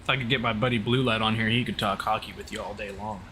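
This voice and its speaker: This man's voice sits fairly low and moves fast. He's from Oklahoma in the southern United States, casually teasing on voice chat while live-streaming a flight simulator, with steady noise in the background.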